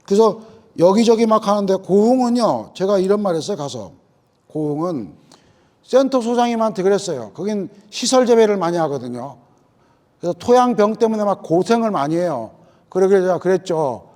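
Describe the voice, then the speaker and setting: A man's voice: high-pitched, animated, moderate pace, a little mellow. A middle-aged man lecturing farmers in a hall, telling folksy anecdotes and acting out what people said to him. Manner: folksy, tells anecdotes, acts out farmers' lines. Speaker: agricultural lecturer.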